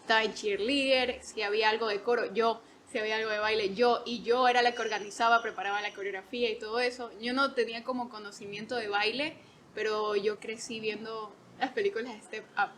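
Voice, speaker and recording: A woman in her twenties, a podcast guest, telling stories in an animated way, laughing often and acting out quotes. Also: a little high, brisk, a little hiss or hum. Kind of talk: casual storytelling.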